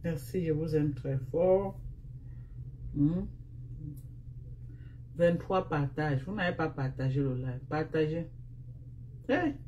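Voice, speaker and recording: Slow-talking Cameroonian woman teasing her live viewers. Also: low voice, dark tone, highs cut off, a little hiss or hum. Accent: Cameroonian French. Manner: repetitive, teasing, scolding refrains. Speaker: live streamer. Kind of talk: casual live-stream chat with viewers.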